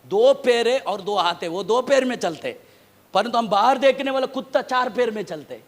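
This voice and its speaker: High-pitched guy preaching, keeps repeating stuff and firing questions at the crowd, then goes loud. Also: lively intonation, normal speed. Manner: emphatic, repeats phrases, swings from loud outbursts to low asides; questions the congregation and tells them to read aloud. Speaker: pastor. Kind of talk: sermon.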